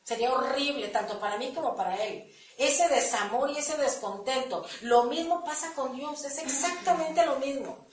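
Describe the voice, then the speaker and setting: Woman preacher, high voice, animated testimony, heard from a distance in an echoey room. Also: moderate pace, slight background noise. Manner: animated, acts out dialogue with God. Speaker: church speaker giving testimony. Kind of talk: sermon testimony.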